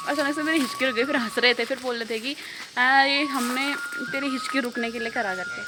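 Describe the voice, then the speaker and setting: A woman's voice: high voice, low-quality recording. A young woman with a cold, chatting casually to her viewers in a home vlog and telling stories, slipping English words into her talk. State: has a cold. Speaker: vlogger. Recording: loud background music.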